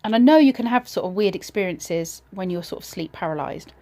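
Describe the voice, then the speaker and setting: A woman casually telling a personal ghost story in a reflective, slightly hesitant way, pausing between short phrases. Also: fairly low pitch, expressive, dark tone.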